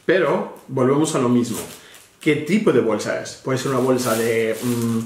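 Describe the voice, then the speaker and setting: A man's voice: mid-range voice, moderate pace, a little mellow. A man teaching a child English vocabulary in a patient, bilingual one-on-one lesson, switching between English and Spanish and spelling words out letter by letter. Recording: echoey room with background noise.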